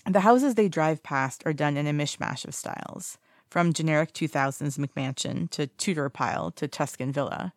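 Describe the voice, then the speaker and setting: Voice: medium pitch, normal speed, dry recording, clean studio sound. A narrator reading fan fiction aloud in a casual way, with small slips and self-corrections.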